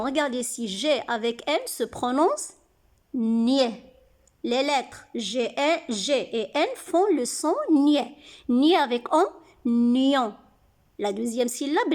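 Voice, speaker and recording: A woman teaching young children to read, sounding out syllables slowly and clearly. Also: high-pitched, a little mellow. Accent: French-speaking North African. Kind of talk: slow, deliberate reading lesson for children.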